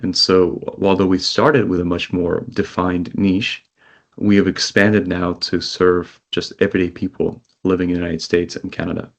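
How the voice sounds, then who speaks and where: A man with a very low voice speaks as an interview guest over a video call. He grew up in Israel and answers in a measured way, ticking off items one after another. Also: flat delivery, creaky. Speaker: company CEO guest.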